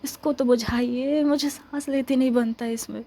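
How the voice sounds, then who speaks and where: A woman's voice: high-pitched, steady tone, moderate pace, dark tone. A woman voicing a young woman stranded behind enemy lines in an ASMR role-play, grumbling to herself and pleading with stammers. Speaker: ASMR roleplay performer.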